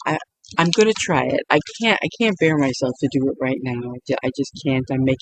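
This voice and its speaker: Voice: medium pitch, animated, fast, background noise. A YouTuber giving a casual late-night monologue meant to help people sleep, rambling with frequent restarts and often breaking into giggles.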